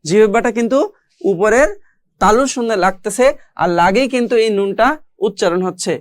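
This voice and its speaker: Recitation teacher, middle pitch, dry close sound, patient and methodical, repeats letter sounds slowly. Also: dry recording. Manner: explains step by step, addressing learners directly. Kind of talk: recorded online class on pronunciation.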